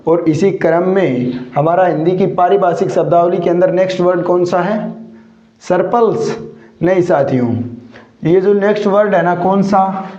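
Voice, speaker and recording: A male teacher giving a vocabulary lesson. He keeps asking his students questions, answers them himself, and draws out key words slowly. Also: high-pitched, mellow, echoey room, dull audio.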